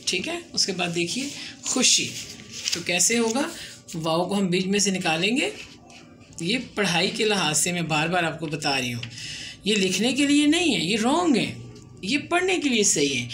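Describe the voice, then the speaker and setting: Bright-voiced woman teaching a patient lesson. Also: medium pitch. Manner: slow, patient explanation with repeated drill words. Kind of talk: classroom lesson on Urdu script.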